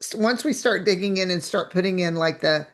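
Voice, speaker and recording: A woman's voice: fairly low pitch, brisk. A woman coach teaching a live online training, chatty, asking rhetorical questions and restarting her phrases. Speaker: business coach.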